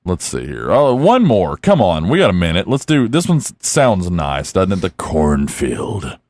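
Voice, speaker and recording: Man, low voice, lively swooping delivery, jokey podcast host, dry close mic. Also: normal speed, dry recording. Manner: jokey, animated, teasing. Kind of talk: casual chat.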